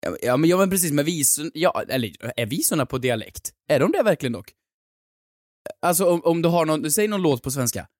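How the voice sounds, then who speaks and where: A man's voice: a little high, expressive, no echo, studio quality. A young man co-hosting a podcast in casual chat, joking and laughing often. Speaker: podcast co-host.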